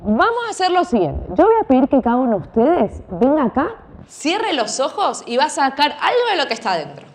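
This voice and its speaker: Brief: lively woman teaching kids, high voice, swooping storytelling. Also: a little fast. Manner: animated, questioning the kids. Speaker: children's Sunday school teacher. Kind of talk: storytelling to children.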